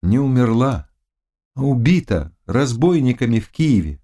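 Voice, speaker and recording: Man doing a calm, firm small knight. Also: medium pitch, unhurried. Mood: sober. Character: small, steady male knight.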